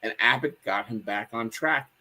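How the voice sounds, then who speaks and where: A man's voice: medium pitch, moderate pace. A man, a guest on a chat show, telling comedy history stories and acting out lines. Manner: animated storyteller, acts out quotes. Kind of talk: casual chat.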